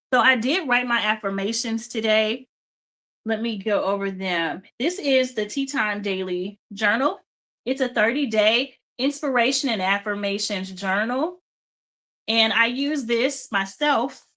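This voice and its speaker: A middle-aged woman with a sharp, somewhat high voice hosts a live stream on faith and business. She's chatty and encouraging, says "y'all," and greets viewers by name. Her voice is strained and close to giving out, but she keeps going.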